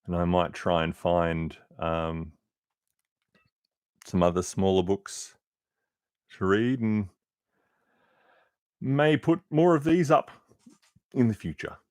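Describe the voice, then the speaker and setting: A man reading a children's picture book aloud with expressive, unhurried storytelling and casual asides. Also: deep voice, clean tone, no room sound, clean studio sound. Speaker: reader.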